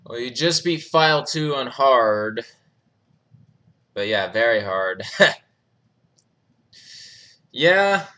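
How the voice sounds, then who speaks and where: Bright-voiced young man streaming casually. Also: medium pitch, lively intonation, very slow, long pauses. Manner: laid-back, chuckles often, reads chat aloud. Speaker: streamer hosting a live Q&A. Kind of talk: casual live-stream chat.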